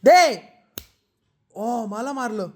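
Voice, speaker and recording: This young man has a very high voice, lively intonation and a habit of drawing out his words. In his casual home vlog he jokes at his family's expense and talks directly to his viewers.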